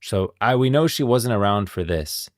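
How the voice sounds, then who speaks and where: A man's voice: fairly low pitch, animated, moderate pace, dry recording, studio quality. A man streaming casual game lore commentary, rambling and thinking aloud as he goes, often repeating himself. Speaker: streamer, host.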